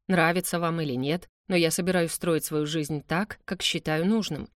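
A woman voices a composed young man with a dry, measured way of speaking. His lines come slow and level in a close, dry storybook reading. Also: low voice, steady tone, no room sound, close to an everyday voice. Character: calm young nobleman, dry-humored fiancé.

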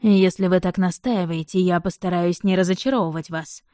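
A woman voicing a stern aristocratic male count who speaks slowly, coldly and with clipped menace in an audiobook reading. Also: fairly low pitch, little pitch movement, warm tone, no echo, clean studio sound, natural voice. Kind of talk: audiobook narration.

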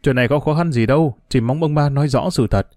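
A man's voice: mid-range voice, fast, a little mellow, dry recording, clean studio sound, natural voice. A man voicing a young father searching for his kidnapped child, earnest and restrained, pressing with questions.

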